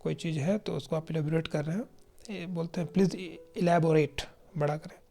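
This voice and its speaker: A teacher from India gives an exam-prep vocabulary lesson. They explain each word patiently, read definitions aloud slowly and keep checking in with the class. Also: medium pitch, fairly even intonation, gravelly, warm tone. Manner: explanatory, checks in often with "right?".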